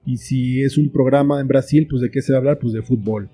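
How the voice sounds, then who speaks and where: A middle-aged writer and filmmaker with a Mexican Spanish accent reflects as an interview guest in a medium-pitched, slightly rough voice, a little fast with fairly even intonation. Soft plucked guitar plays faintly underneath the conversation.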